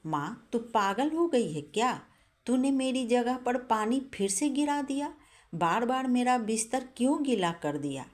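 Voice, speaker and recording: A woman voicing an impatient, angry grown son in a spoken moral story, her voice rising higher and louder as he complains. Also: expressive, slow pace. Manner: exasperated, raising voice in complaint.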